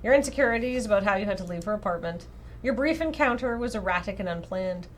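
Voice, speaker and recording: Speaking fast at a medium pitch, a woman reads a visual novel aloud for her livestream, with slight background noise present. Her delivery is casual and expressive, and she frequently breaks away for playful asides.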